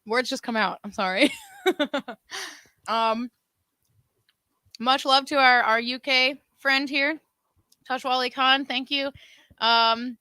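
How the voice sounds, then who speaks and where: Bright, giggly woman chatting on a livestream. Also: high voice, steady tone, slow, pauses often, clean tone, no room sound. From West Virginia and South Florida. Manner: chatty, giggly, full of "like" fillers. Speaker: co-host of a livestream. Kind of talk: casual livestream chat. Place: indoor room with cameras and lights.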